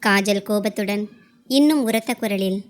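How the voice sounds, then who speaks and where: A woman storyteller giving scripted, measured narration of a family drama. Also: medium pitch.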